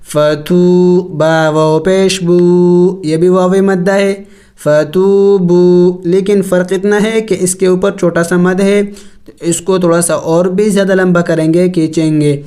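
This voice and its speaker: A man teaching Quran recitation, spelling out letters and vowels slowly, chanting the words drawn out, then explaining the rules in quick asides. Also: high voice, little pitch movement, a little mellow, soft background music. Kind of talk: slow spelled-out tajweed lesson.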